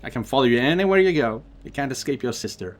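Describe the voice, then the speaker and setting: A man's voice: medium pitch, expressive, fast talker, close to an everyday voice. Guy putting on a nosy big sister voice, teasing and sing-songy, swoops up and down. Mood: playful. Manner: playful, wheedling, nosy. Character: teasing affectionate older sister, young woman.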